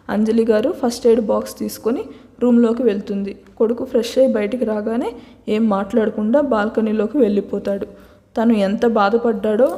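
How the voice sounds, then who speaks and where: A woman storyteller narrating a serialized love story at a steady, plain pace. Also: medium pitch, big-room sound.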